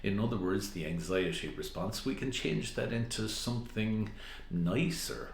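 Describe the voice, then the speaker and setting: A man speaking as a hypnotherapist in a measured hypnotist manner, explaining things directly to listeners. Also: lowish voice, gravelly, a little hiss or hum. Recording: roomy, echoing sound.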